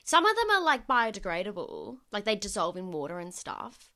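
A young woman hosting a casual podcast chat, animated and swearing freely. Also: medium pitch, normal speed. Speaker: podcast host.

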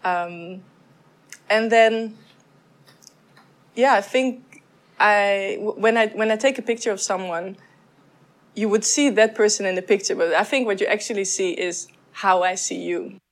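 A woman from the Netherlands, a photographer, answering interview questions in a thoughtful, soft-spoken way with frequent pauses and restarts. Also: medium pitch. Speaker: photographer guest.

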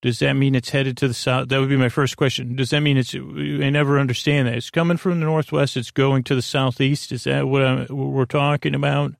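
In clean studio sound with no echo, a sleep-podcast host meanders reassuringly, pausing and letting thoughts trail off unfinished. His creaky, gravelly voice sits at medium pitch, and his delivery is flat and gentle.

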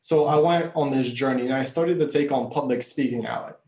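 A man's voice: medium pitch, brisk, mellow, reverberant. A man from Bulgaria, a native Bulgarian speaker, telling his story earnestly as a coach and speaker in an interview. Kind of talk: conversational interview.

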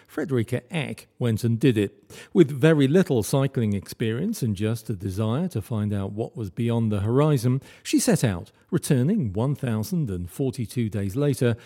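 A man hosting a podcast, presenting scripted intros and interviewing a guest in a measured way. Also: medium pitch, warm tone. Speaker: podcast host.

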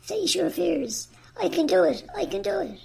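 A man voicing an eager, nervous young male gannet chick in a high, squeaky voice for a children's story. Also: very animated, moderate pace, gravelly, heavily acted, low-quality recording. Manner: high squeaky, self-encouraging.

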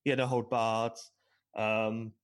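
A man's voice: fairly low pitch, little pitch movement, slow pace, no echo, clean studio sound. A man co-hosting a podcast in casual chat, rambling and cynical with self-deprecating asides. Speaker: podcast co-host.

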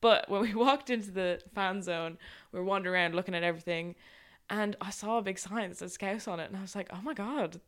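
A young woman co-hosts a podcast in easy, chatty conversation. Her voice sits at a middle pitch and she laughs often as she talks. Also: fast. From Ireland. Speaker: podcast co-host. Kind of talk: casual chat.

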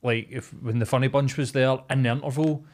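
A man's voice: medium pitch, steady tone, brisk, darkish tone. A man chatting casually in an informal, sweary, colloquial way. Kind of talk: casual chat.

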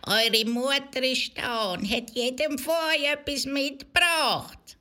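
A woman's voice: high voice, slow, sharp tone, exaggerated voice. A woman with a Swiss German accent voicing a sly wolf who fakes a sweet, coaxing mother's voice. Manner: sugary, coaxing.

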